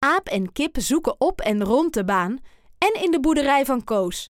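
A woman reading a children's picture book aloud in an expressive, deliberate way. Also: sits high, no echo, studio quality. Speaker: storyteller.

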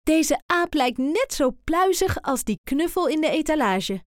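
A small storybook girl who talks softly and with wonder, as a woman reader puts her on. Her voice is high and hushed, and slow. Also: very animated, no echo, clean studio sound. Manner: soft, wondering. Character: soft-spoken little girl who loves monkeys.

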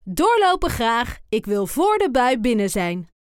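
A woman's voice: sits high, big pitch swings, moderate pace, clear, resonant tone, no room sound, clean studio sound. A woman reading a children's story voices a friendly male schoolteacher who speaks in a kindly, encouraging way.

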